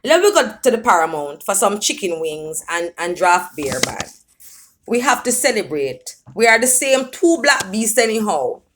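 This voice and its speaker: A woman voicing a boisterous, teasing man who laughs loudly in a story reading. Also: high-pitched, sing-song, moderate pace, a little hiss or hum. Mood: cheerful.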